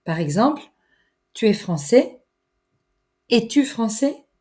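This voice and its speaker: A woman teaching a French lesson, enunciating each phrase slowly and carefully. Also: on the high side, sing-song, warm tone. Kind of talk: slow, clear language lesson.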